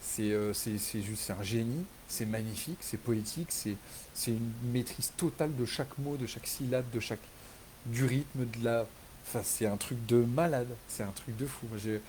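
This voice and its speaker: A man talking casually and enthusiastically in a live chat with readers, rambling with many fillers and restarts, and growing animated when he retells a scene. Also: mid-range voice, moderate pace, slight background noise, poor audio. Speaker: author hosting a live reader Q&A.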